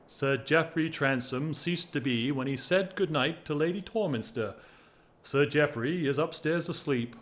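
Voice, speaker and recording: In a stage-style audio drama, a man plays a restless, whimsical English aristocrat in love. His voice sits a little high for a man and moves very slowly through wordy, mock-formal lines, delivered in a theatrical, teasing, playful manner.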